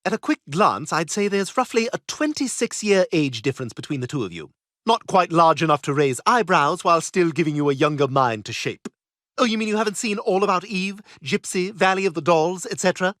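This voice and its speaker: A man's voice: sits high, expressive, a little fast, a bit bright, no room sound, studio quality. An actor voicing a snobbish, catty British baby boy in a cartoon, talking in a posh, cutting, theatrical way. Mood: probing. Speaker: patient. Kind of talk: cartoon voice acting.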